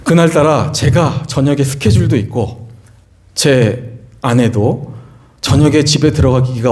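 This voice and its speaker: A middle-aged man preaching in a church. He tells a story about his own children in an earnest, conversational way and often turns to the congregation with questions. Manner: earnest storytelling, rising pitch when excited, asks the congregation questions. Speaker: pastor. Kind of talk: sermon with personal story. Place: church sanctuary.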